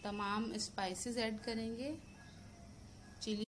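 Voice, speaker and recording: A woman with a Pakistani Urdu accent, hosting a cooking channel, calmly talking through each step of a recipe in a voice-over. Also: a little high, slow, a little hiss or hum. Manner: steady step-by-step instructions mixed with English words.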